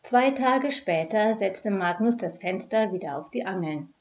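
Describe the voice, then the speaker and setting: A woman reading a cozy crime story aloud in a measured, expressive storytelling manner. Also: mid-range voice, highs cut off. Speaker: narrator. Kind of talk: scripted narration of a crime story.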